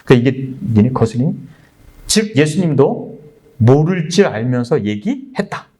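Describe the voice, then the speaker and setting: A man's voice: mid-range voice, very animated, moderate pace, dark tone. A male pastor giving a conversational sermon, asking the congregation many rhetorical questions and acting out blunt crowd voices. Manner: acts out crowd voices in blunt, coarse speech. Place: church service.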